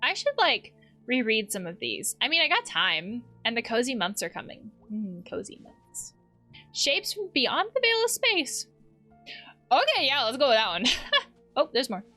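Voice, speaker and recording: Counselor lady doing game commentary, chatty and thoughtful, bright voice, faint music behind. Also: on the high side, very animated, measured pace. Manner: chatty, reflective, reads game text aloud with soft laughs. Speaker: counselor playing a video game. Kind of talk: let's play commentary.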